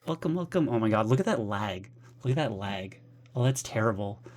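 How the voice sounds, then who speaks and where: A man streaming from his bedroom, chatting casually, rambling and excitable, with lots of restarts and a slightly nervous, jittery edge. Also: lowish voice, normal speed. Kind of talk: casual live-stream chat.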